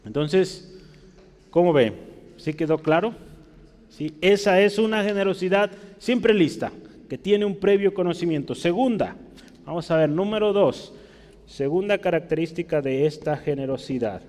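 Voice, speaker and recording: A man's voice: high voice, expressive, normal speed, a little mellow, long reverb tail. A man preaching a teaching sermon in a church, explaining in a conversational way and often checking with his listeners.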